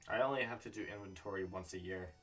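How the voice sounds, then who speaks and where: A man's voice: sits low, fast talker, a bit bright, far from the mic. A man hosting his game stream, chatting in a laid-back, offhand way. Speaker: streamer and host. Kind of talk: casual chat while streaming a game.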